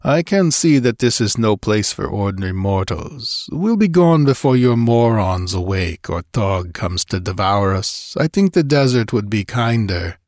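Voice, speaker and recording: A man reading aloud and voicing a gruff, blunt barbarian warrior. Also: on the low side, big pitch swings, a little slow, hardly any pauses, a little mellow, no echo, clean studio sound. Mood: gruff impatience. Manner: growling, blunt.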